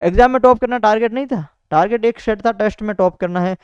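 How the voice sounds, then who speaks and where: Here a young exam topper speaks fast in a high voice, giving students an easygoing motivational talk on his preparation with repetition and fillers like "bhai" and "theek hai". The tone is clean with no room sound, though the highs are cut off.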